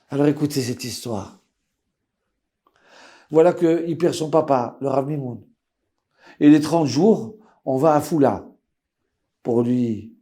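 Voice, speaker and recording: Mellow-voiced rabbi telling a story. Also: male voice, medium pitch. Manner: animated storyteller, acts out voices; lively swings between loud and hushed. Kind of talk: storytelling sermon.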